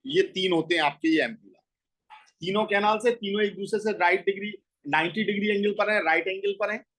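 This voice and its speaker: A man's voice: high-pitched, fairly bright tone, rough recording. A man teaching a school biology lesson, explaining step by step and asking and answering his own questions. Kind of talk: biology class lecture.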